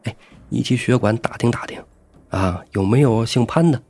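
Brief: gossipy, quick-tempered mother, put on by a male narrator. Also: medium pitch, a little mellow, breathy edge, dry recording. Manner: chatty, scolding.

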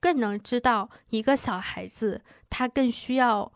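A woman's voice: a little high, measured pace, no room sound, clean studio sound. A woman in her thirties co-hosting a casual chat, telling stories and acting out quoted lines. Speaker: podcast co-host.

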